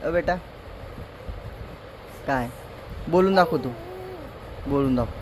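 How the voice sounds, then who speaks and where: A man's voice: medium pitch, slow, slight background noise. A man vlogging at home, teasing and cajoling a relative during a family prank. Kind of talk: casual family prank vlog. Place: indoors at home.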